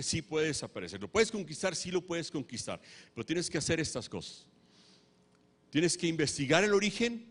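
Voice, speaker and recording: Preacher man with a high voice. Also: fairly bright tone. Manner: emphatic, repeats key phrases. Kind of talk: sermon. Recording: long hall reverb.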